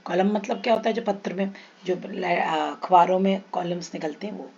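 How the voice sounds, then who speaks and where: Indian lady teacher going over english words slow, asking the kids questions, kinda dull lo-fi sound. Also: fairly low pitch, darkish tone. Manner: repeats example words slowly, asks students questions. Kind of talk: classroom lesson explaining rules.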